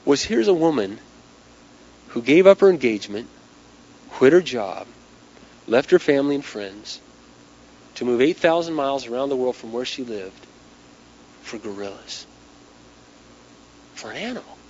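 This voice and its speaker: With long pauses and a moderate pace, this man speaks in an animated, darkish mid-range voice over slight background noise. He's an inspirational speaker, losing his voice, dramatizing a story for a live crowd and voicing its dialogue conversationally. The recording is dull and lo-fi.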